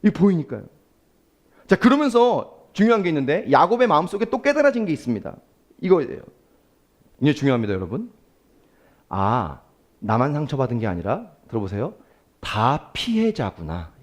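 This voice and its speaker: A man's voice: fairly high pitch, normal speed, pauses often. A male pastor giving a Sunday sermon, asking the congregation questions and acting out quoted prayers. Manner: animated preaching, asks the congregation questions; acts out quoted prayers and speech.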